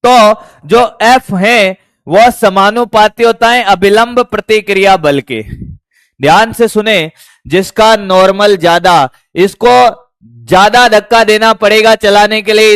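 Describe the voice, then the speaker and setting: A man's voice: high voice, unhurried, a bit bright, smooth, dry recording. A man teaching physics to a class, often calling students "beta" and firing repeated check questions at them. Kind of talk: classroom lecture.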